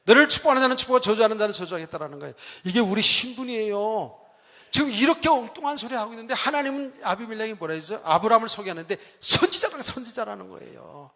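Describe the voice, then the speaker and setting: A middle-aged male pastor preaching a dramatic sermon in a church, questioning the congregation and swinging between loud and soft. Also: high-pitched, animated, quick pace. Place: church sanctuary. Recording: long church hall reverb.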